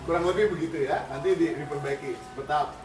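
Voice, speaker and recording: Firm high-voiced man coaching dog owners. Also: fast talker. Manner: firm, explanatory, mixes English commands. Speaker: dog behavior trainer. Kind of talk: casual instructive coaching. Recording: roomy, distant mic, music behind.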